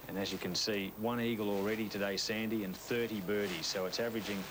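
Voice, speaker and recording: A man's voice: lowish voice, steady tone, fast, a bit bright, a little hiss or hum, low-quality recording. A man giving explanatory, analytical live golf commentary.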